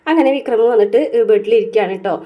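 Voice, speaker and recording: A woman's voice: mid-range voice, quick pace, highs cut off. A woman casually retelling a TV serial episode, full of fillers and tag words. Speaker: serial recap vlogger.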